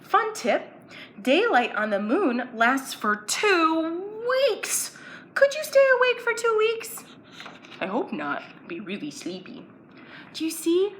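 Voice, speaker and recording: Reading and explaining at a slow pace, this children's story-time presenter has a lively, swooping pitch. She keeps it playful, asking young viewers simple questions and then answering them herself; the audio is echoey, with some background noise.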